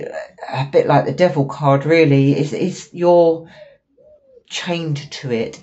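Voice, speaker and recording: A woman's voice: sits low, darkish tone. A woman with a cold, sniffling as she gives a chatty, apologetic tarot reading to camera with lots of fillers. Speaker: tarot reader. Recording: dull lo-fi recording with faint noise.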